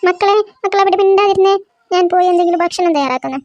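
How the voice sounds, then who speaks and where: Woman voicing a doting cartoon mother, fussy and very high-pitched, dry close sound. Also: fairly even intonation, fast, no room sound, muffled recording. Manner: fussing, affectionate. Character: doting middle-aged mother. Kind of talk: cartoon voice acting.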